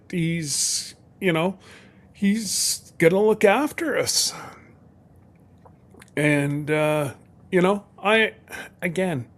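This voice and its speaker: A middle-aged man chatting casually on a live stream as co-host, rambling and folksy with many restarts. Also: on the high side.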